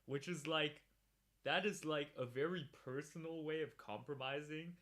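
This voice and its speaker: A man's voice: on the high side, moderate pace, a bit bright. A man hosting a livestream podcast, chatting casually, laughing often and reacting to viewers in chat.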